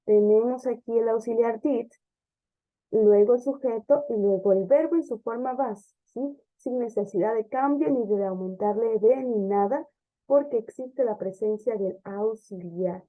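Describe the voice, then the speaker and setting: Woman, English teacher; patient step-by-step explainer, higher voice, dull lo-fi recording. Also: measured pace. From Ecuador. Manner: explanatory, checks understanding with frequent "ok?" and "sí?". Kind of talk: classroom grammar lesson.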